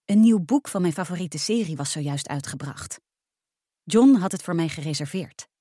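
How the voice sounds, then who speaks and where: A woman narrating a first-person storybook aloud in a lively, expressive reading. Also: fairly low pitch, moderate pace, husky, no echo, clean studio sound.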